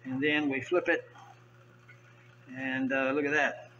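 An older man talks his way through filleting fish, thinking out loud in an easygoing way. His voice is bright and a little forceful. A faint hiss of room noise sits under the camera-mic sound. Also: mid-range voice, slow pace, muffled recording. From US South. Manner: relaxed, chatty, thinking aloud while filleting fish. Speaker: vlogger. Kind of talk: casual how-to narration. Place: indoor tiled kitchen counter.

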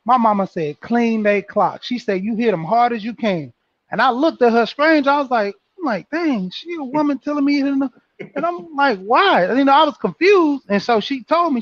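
A man's voice: high-pitched, no room sound. A man telling a story in loose, slangy casual talk, quoting his relatives. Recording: dull lo-fi audio.

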